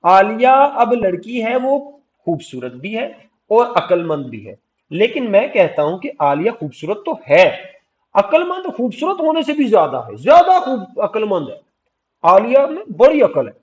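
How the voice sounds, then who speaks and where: A Pakistani-accented man with a fairly high voice gives an exam-prep grammar lecture. He spells words out letter by letter and talks to his students fondly, calling them "beta". He draws out the English rule text slowly. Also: sing-song, darkish tone, dull audio. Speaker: English teacher.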